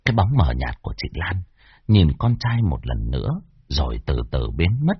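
A man with a husky voice narrating a horror story, expressive with wide swings in pitch. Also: moderate pace. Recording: dull lo-fi dry recording.

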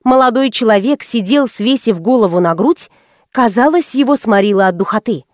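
A woman narrating an audiobook in the first person, wry and expressive. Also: a little high, moderate pace, no echo, clean studio sound.

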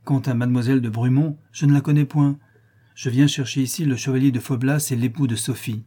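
Stern aristocratic father, cool and deliberate, from a male reader. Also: medium pitch, steady tone, dark tone, husky, natural voice. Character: stern older baron, a father, grave.

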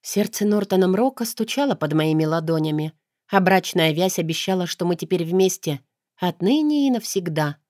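A woman narrating a first-person audiobook in a smooth, even storytelling manner. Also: on the low side, normal speed, no echo, clean studio sound.

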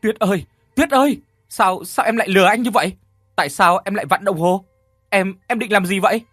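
A man voicing a desperate young man who shouts frantically in an audio story. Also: sits high, fairly quick, dry recording, soft background music, pitched above the performer's own voice.

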